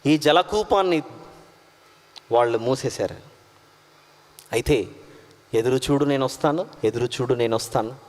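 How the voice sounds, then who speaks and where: A man preaching a sermon from India, emphatic, swinging between loud proclamation and quiet asides, mixing English words in. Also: medium pitch, unhurried, long pauses. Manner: mixes English words into his talk. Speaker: pastor. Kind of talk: sermon with live slide directions. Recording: long hall reverb.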